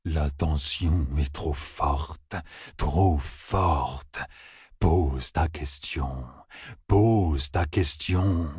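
Eerie nonhuman seer, drawn out and breathy, voiced by the narrator, dry close recording. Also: male voice, rumbling low, no room sound, voice pushed down, full character voice. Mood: urgent. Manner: slow, hushed, drawn out. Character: eerie inhuman being, slow and ominous.

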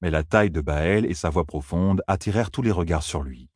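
A man narrating an audiobook in a steady, even reading manner. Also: deep voice, a little fast, no room sound, studio quality.

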